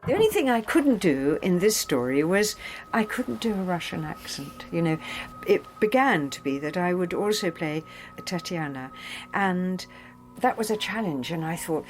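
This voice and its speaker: An older woman, an actress and narrator, talks warmly about her work in a behind-the-scenes interview. Her pitch swoops widely as she speaks, and she is openly emotional and quick to laugh. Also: rough recording. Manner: emotional, effusive, laughs easily.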